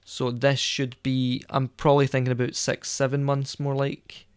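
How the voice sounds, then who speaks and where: A man's voice: mid-range voice, completely flat delivery, normal speed, clean tone, no room sound, studio quality. A man co-hosting a podcast in casual chat, rambling and hesitant with lots of fillers. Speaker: podcast co-host.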